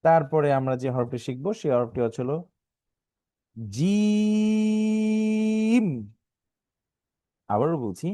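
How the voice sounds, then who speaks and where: A man's voice: mid-range voice, fast, few pauses, dark tone, no room sound. A man teaching an online live lesson on Arabic letter sounds, with a Bangladeshi Bengali accent, patiently drilling syllables and having learners repeat them. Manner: stretches out some sounds, half singing.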